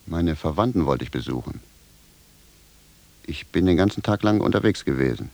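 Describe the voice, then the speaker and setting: An actor playing a blunt, bewildered peasant shoemaker in a 1970s radio drama, gruff and indignant. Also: male voice, a bass voice, expressive, normal speed, a little mellow, full character voice. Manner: gruff, plain-spoken, indignant.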